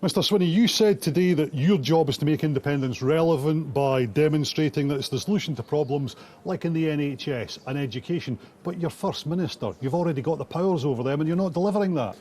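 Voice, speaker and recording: Male news presenter, bright and higher-pitched. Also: fast. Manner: challenging, direct questioning. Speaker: news presenter and political interviewer. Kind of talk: broadcast news presenting and interviewing.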